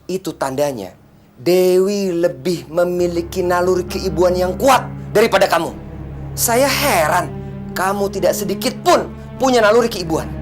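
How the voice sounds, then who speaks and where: An actor playing a stern, lecturing husband. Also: male voice, high-pitched, moderate pace, over music, close to an everyday voice. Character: stern husband rebuking his wife.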